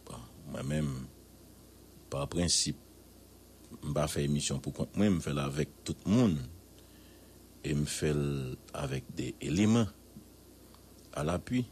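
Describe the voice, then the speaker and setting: A man's voice: a bass voice, big pitch swings, darkish tone, a little hiss or hum. A man with a Haitian accent giving emphatic radio news commentary, repeating words for effect and asking rhetorical questions. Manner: emphatic, drawn-out repetitions, proverbs and rhetorical questions.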